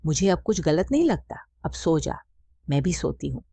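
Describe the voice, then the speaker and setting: A woman's voice: low voice, very animated, moderate pace, vocal fry, dark tone, slightly rough, no echo, exaggerated voice. A woman voicing a doting middle-aged mother, raised lilting voice. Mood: coaxing. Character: affectionate middle-aged mother, teasing and indulgent. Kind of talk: scripted story narration.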